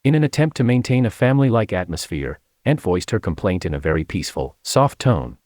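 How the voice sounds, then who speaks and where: Casting: low-voiced man, expressive memoir narrator, lively delivery. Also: brisk, no room sound, studio quality. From China. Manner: expressive storytelling.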